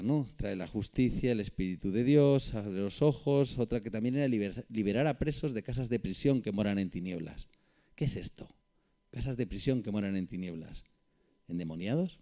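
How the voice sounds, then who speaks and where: Warm and fairly low-pitched, this preacher with a Peninsular Spanish accent reads Bible verses at a moderate pace. Between readings in his Bible study sermon, he speaks conversationally to those listening.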